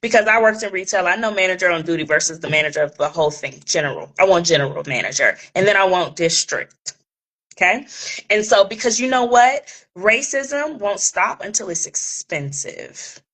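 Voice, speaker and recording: A woman's voice: lowish voice, normal speed, a bit bright, poor audio. A woman vlogger speaking straight to her viewers in an impassioned, emphatic way, repeating phrases for effect. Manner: talks straight to viewers, calling them "y'all". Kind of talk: direct-to-camera commentary.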